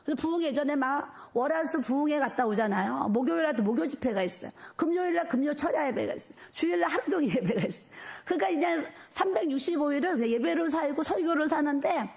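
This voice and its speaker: Middle-aged woman pastor, animated and emphatic sermon delivery in a church, slightly high voice. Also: quick pace, few pauses. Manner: animated, emphatic preaching with repeated fillers. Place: church sanctuary.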